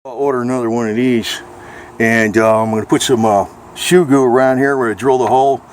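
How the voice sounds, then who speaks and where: A male American video blogger rambles through a casual homemade vlog in an informal, salty, matter-of-fact way. His medium voice stays fairly even in intonation and moves fairly quickly. The recording is amateur and noisy, with a vehicle audible.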